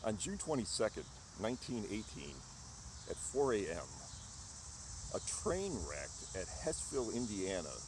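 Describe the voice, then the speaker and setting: Slow, animated man in outdoor wind noise. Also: on the low side. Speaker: vlog host. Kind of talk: on-location history vlog, talking to camera. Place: outdoors in an open park-like cemetery. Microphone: camera at arm's length.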